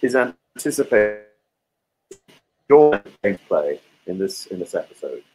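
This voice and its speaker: A man on a video call, talking in a halting way with many repeated words, his voice cutting in and out over a bad connection. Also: fairly low pitch, very animated, darkish tone, husky, faint music behind, poor audio. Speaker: guest. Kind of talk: casual chat on a video podcast.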